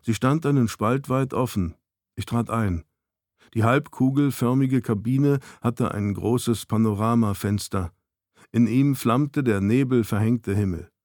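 A man's voice: mid-range voice, unhurried, a little mellow, dry recording. Man reading a novel, dry close sound. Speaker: narrator.

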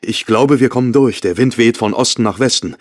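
A man's voice: medium pitch, a little fast, dry recording, clean studio sound, voice pushed up, close to an everyday voice. A man voicing a nervous young husband who gives hissed, urgent orders in an audiobook reading. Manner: hissing, urgent and clipped. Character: nervous, driven young husband fleeing at night.

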